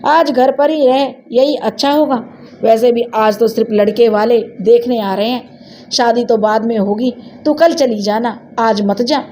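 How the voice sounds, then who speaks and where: A woman voicing a soft-hearted village mother who talks in a gently persuasive way. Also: fairly high pitch, fairly even intonation, unhurried, slight background noise, natural voice. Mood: gentle.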